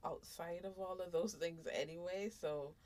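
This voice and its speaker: A woman chatting casually on a podcast, measured and a little hesitant. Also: lowish voice, fairly even intonation, darkish tone. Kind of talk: casual chat. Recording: off-mic, distant.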